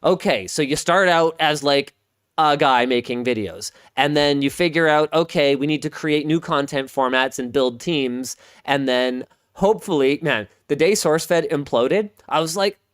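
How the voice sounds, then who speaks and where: A Canadian man in his thirties hosts a casual podcast with a fairly high, bright, clear, resonant voice at moderate pace, recorded dry at studio quality. He rambles, interrupts himself, and repeats words, saying he has a Pacific Northwest way of speaking.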